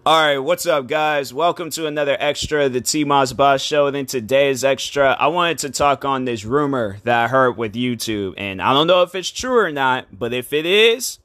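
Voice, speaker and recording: A man's voice: medium pitch, normal speed, few pauses, fairly bright tone, no echo, studio quality. A man hosting a casual online commentary show, talking in a slangy, rambling, repetitive way into a cell phone microphone. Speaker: YouTube show host.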